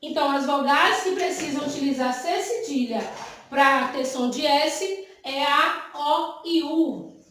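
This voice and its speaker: A woman's voice: sits high, measured pace, a bit bright, a little hiss or hum. A woman teacher with a Brazilian Portuguese accent who patiently explains exercises to young pupils, often checking in with them. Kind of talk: remote classroom lesson, explaining exercises. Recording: very echoey room.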